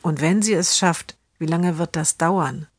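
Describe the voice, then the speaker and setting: A woman's voice: fairly low pitch, unhurried, dry recording, studio quality. A woman voicing a worried, cautious mother of a grown daughter in a read-aloud story. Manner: cautious, quiet.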